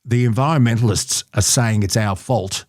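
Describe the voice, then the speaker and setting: A man's voice: mid-range voice, normal speed, a little mellow, no room sound, clean studio sound. An Australian man hosting a podcast, chatting wryly about politics in short bursts. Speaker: podcast host. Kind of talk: casual political chat.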